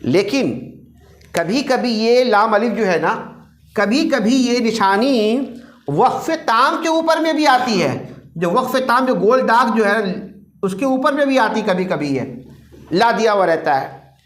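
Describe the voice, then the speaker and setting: A man's voice: high-pitched, animated, slow pace, fairly bright tone. A male recitation teacher giving a classroom lecture, repeating each rule and quizzing his students. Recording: roomy echo.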